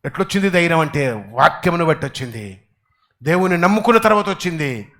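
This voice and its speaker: A man preaching a church sermon, swinging from quiet asides to loud exclamations and quizzing the congregation. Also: fairly high pitch, very animated, fast talker. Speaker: pastor.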